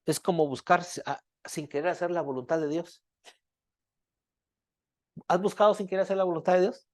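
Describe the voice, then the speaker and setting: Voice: medium pitch, normal speed, darkish tone, no echo, studio quality. Preacher firing rhetorical questions. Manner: keeps asking the congregation rhetorical questions; checks in with repeated "¿verdad?". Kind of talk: sermon.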